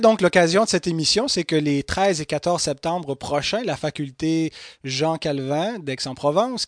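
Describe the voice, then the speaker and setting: Male radio host, slightly high voice, dry close sound, formal and measured. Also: no echo. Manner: formal, measured introductions with fillers. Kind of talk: radio interview.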